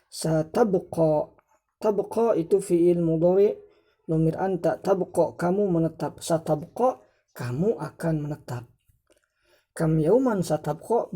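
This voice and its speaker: A woman teaching an Arabic lesson, reading phrases slowly and translating them word by word, lifting her voice high on each question. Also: warm tone, breathy edge. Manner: lifts pitch sharply to mark questions. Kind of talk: slow recorded language lesson.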